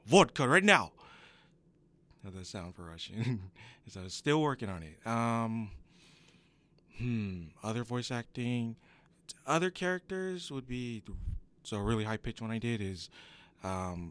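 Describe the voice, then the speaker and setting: A man's voice: lowish voice, unhurried, clear, resonant tone, no echo. A young man, an acting student, answering questions in a radio interview, rambling and correcting himself as he goes. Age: young adult. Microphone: studio microphone.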